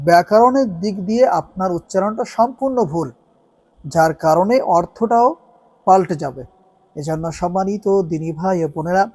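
Brief: male devotional teacher, earnest and instructive, lingers on recited prayer words. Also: high-pitched. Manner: earnest, instructive, stretches recited Arabic phrases slowly. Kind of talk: religious instruction.

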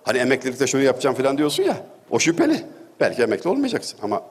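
A man's voice: mid-range voice, wildly swooping pitch, racing, breathy edge. A middle-aged man giving a religious talk, telling anecdotes with wry humor and an easy storytelling manner. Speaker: religious speaker. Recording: long hall reverb.

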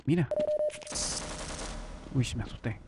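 A young man giving let's play commentary, talking to himself and swinging from muttering to excited shouting. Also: slow, very noisy. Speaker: gameplay streamer. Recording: loud game gunfire behind voice.

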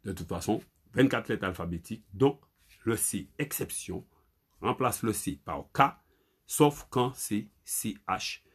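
A man teaching a Creole spelling lesson, halting and repeating himself as he spells letters aloud. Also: on the low side, animated, husky.

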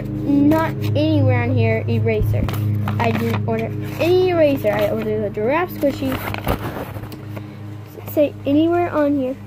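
A woman vlogging an unboxing, talking straight to her viewers in a halting, complaining way. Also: high voice. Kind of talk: casual unboxing chat to viewers.

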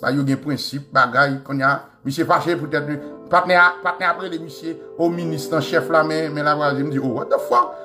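A man with a Haitian accent delivering a heated live-stream rant, animated and combative, breaking into shouts and swearing, over faint background music. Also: on the high side, brisk, few pauses. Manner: animated, shouting bursts, code-switching, swearing. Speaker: commentator.

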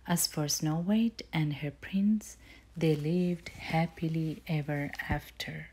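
Slow, low-voiced woman reading a bedtime story. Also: fairly even intonation, husky. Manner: soft, often whispered narration.

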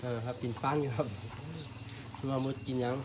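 Filming his farm vlog outdoors at a cattle pen, a man with a Northeastern Thai Isan accent talks in a mid-range voice at a fairly quick pace. He sounds relaxed and polite, closing his phrases with "khrap phom," and background noise can be heard.

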